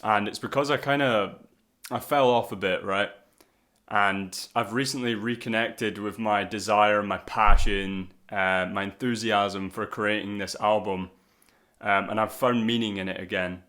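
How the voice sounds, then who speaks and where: Rambling, low-voiced man songwriter. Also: steady tone, measured pace, pushed and bright. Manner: loose and rambling, with filler words and tag questions. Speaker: songwriter sharing album progress. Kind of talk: casual vlog talk.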